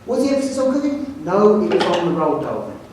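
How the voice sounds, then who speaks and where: A man with a London accent, a headteacher giving a jokey, animated talk to an audience. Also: sits high, fast, a little hiss or hum. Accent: London English. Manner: jokey storyteller, animated, self-mocking. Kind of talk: anecdotal presentation to an audience. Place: large hall with audience. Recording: echoey hall, speaker far from mic.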